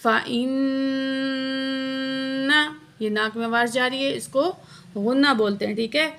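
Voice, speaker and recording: A woman teaching Quran recitation word by word, explaining each letter patiently and reciting slowly. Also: fairly high pitch, gravelly, a bit bright. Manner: slow drawn-out recitation of verses. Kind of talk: word-by-word tajweed lesson with slow recitation.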